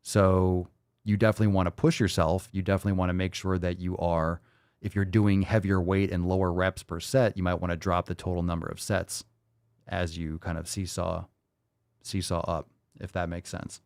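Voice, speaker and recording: Deep-voiced man hosting a fitness Q&A. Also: level tone, normal speed, a little mellow, clear, resonant tone, no room sound, clean studio sound. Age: 30s. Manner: conversational, thinks aloud with fillers and restarts. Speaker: fitness podcast host answering questions. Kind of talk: livestream Q&A.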